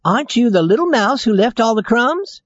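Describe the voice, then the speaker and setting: A man voicing a gentle, kind rag doll girl. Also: very high voice, very animated, normal speed, no room sound, lo-fi sound, voice pushed up, exaggerated voice. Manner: gentle, soft-hearted pleading.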